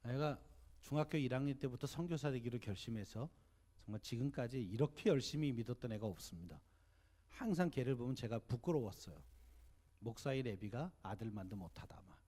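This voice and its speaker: A man in his fifties preaches at a church seminar in an animated storytelling way. His pitch rises and falls widely as he asks the listeners questions. His voice sits at an ordinary middle pitch. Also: a little fast. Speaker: pastor.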